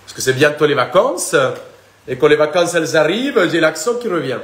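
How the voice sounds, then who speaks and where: A man's voice: a little high, big pitch swings, brisk, fairly bright tone, reverberant. A young man with a Colombian accent, a chef chatting and joking with viewers during a live cooking demonstration.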